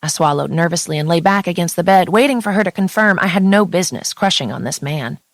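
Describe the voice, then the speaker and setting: A woman's voice: on the low side, animated, fast talker, no room sound. A woman narrating a first-person romance audiobook in an intimate, confessional manner, close to the mic.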